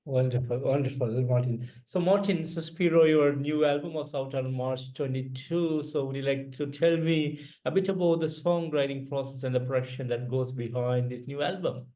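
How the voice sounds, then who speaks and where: A man interviewing a guest over a video call, often repeating praise words and pausing with fillers. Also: mid-range voice, mellow, poor audio. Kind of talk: interview questions.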